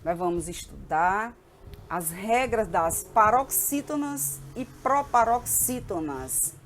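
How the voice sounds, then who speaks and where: Female teacher, lively delivery with a swinging pitch, talks students through grammar rules. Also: slow, a little hiss or hum. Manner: lively, checks in with the class.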